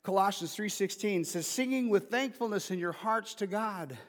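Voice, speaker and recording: Preaching informally at normal speed, this pastor in his fifties has a voice that sits high. The hall reverberates as he switches between joking asides and emphatic calls to the people.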